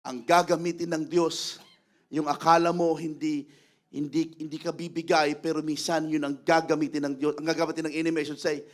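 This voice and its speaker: A man preaching to a church congregation in a lively, mixed Filipino-English sermon. His voice sits high for a man. He swings between soft, measured storytelling and sudden shouts, and he acts out the quotes he tells. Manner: animated, shouting, laughing, acting out quotes.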